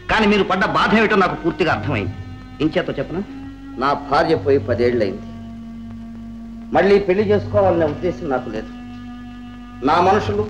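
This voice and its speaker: An actor playing a smooth-talking, scheming middle-aged landlord in a 1960s film, measured and persuasive. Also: male voice, a little high, lightly acted. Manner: measured, persuasive, rising to proud anger. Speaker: zamindar. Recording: old film soundtrack with faint music.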